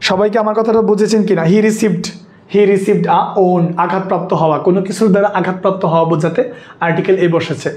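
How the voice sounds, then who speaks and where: A man's voice: high-pitched, fairly even intonation, racing, a little mellow, echoey room. A man teaching an English grammar lesson for an exam course, keeping a check on whether his students follow and repeating his points. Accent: Bangladeshi Bengali. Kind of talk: online exam-prep lesson.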